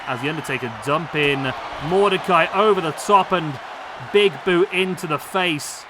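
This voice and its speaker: This is a male YouTuber commentating play by play on a simulated wrestling game, excitedly exclaiming in bursts. His fairly high-pitched voice is rough and fading. Background noise sits clearly beneath his speech.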